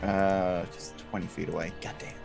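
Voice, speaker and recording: Slow, swingy-voiced man playing a tabletop game. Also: mid-range voice, big pitch swings, music in the background. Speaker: player in a tabletop RPG. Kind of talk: casual table talk.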